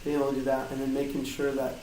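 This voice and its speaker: In an interview, a man who designs game audio explains what he does in a casual, faltering way, his wording loose. His voice is mellow, medium in pitch, and monotone. Recorded on a distant mic in a small, hard-walled co-working office, the audio has a metallic, roomy flutter echo and some faint noise.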